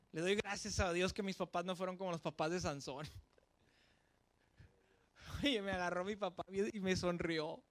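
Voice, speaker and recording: A man from Mexico with a Mexican accent, preaching a sermon as pastor with lively shifts between loud and soft. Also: high-pitched, takes it slowly, pauses often.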